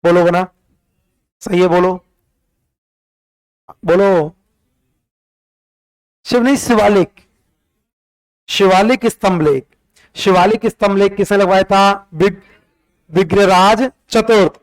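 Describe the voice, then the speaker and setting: A man teaching history, firing short repeated questions and counting items off in a sing-song way. His voice sits high and comes through clean and smooth. He keeps a slow, unhurried pace with little rise and fall. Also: fairly even intonation, low-quality recording. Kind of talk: call-and-response classroom revision.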